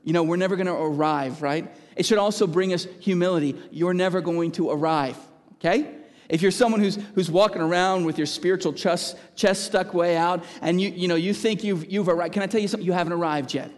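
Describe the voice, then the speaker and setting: Impassioned preacher in a reverberant hall. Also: male voice, sits high, brisk. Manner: earnest, rises to impassioned emphasis. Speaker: pastor. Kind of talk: sermon.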